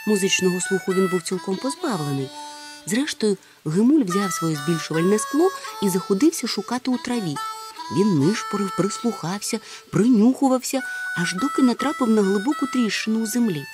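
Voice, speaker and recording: A woman narrating a children's storybook in an even, measured reading. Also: mid-range voice, over music. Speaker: audiobook narrator.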